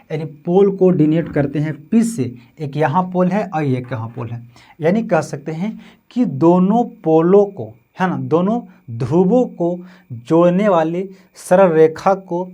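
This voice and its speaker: High-leaning and mellow, this male voice carries a Bihari Hindi accent through a physics lesson. Terms come up again and again, punctuated by "समझे?" and "है ना", and he asks questions he then answers himself.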